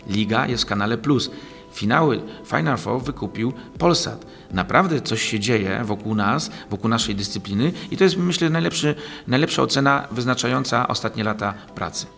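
A man's voice: medium pitch, lively intonation, moderate pace, vocal fry, fairly bright tone, soft background music. A man in his forties, a guest in an interview, answering at length with many fillers and restarts, recorded on a desk mic in a small office studio. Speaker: league president, guest. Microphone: desk mic on boom arm.

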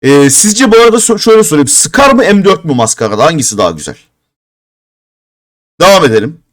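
Speaking quickly in a slightly high voice with big swings in pitch, this thirty-something man talks casually while live-streaming a mobile game. His mood sours into exasperation, punctuated by bursts of cursing.

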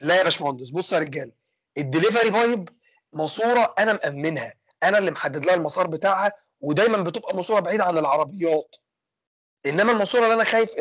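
A young man with an Egyptian accent teaching an engineering class online. He talks fast and keeps asking questions and then answering them himself. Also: sits high, a bit bright, husky, dry recording. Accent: Egyptian Arabic. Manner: fast, asks and answers his own questions. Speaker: engineering lecturer. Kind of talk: online lecture with student questions.

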